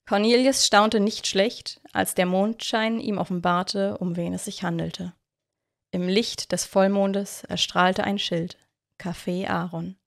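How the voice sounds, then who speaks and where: A woman narrating a children's adventure story in a calm, even reading voice. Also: mid-range voice.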